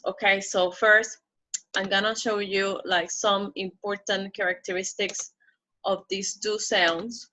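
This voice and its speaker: A woman teaching English pronunciation in a recorded lesson, explaining step by step and checking in with "okay?", slowing down to model the target words. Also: medium pitch, bright, forceful tone, poor audio.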